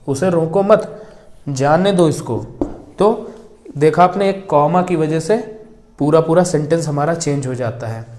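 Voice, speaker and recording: A young man teaching grammar at a board speaks in a fairly high, slightly mellow voice. He dictates slowly, repeating every word as he writes it. He often poses questions and then answers them himself.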